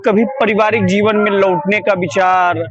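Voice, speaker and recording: A man's voice: high voice, flat delivery, moderate pace. A male interviewer respectfully asking a guru questions, addressing him as 'guru ji'. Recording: dull lo-fi sound with faint music.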